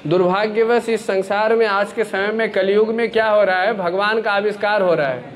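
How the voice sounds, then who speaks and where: A man preaching a sermon to an audience, animated and full of questions, acting out the characters of his story. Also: high voice, moderate pace.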